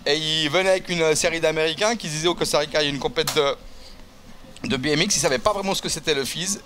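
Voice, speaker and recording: A man hosting a casual live talk show, with a notably high voice and a jokey, loose manner. He tosses in quick asides and light swearing. Faint event noise hums behind him. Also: sharp tone. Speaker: host.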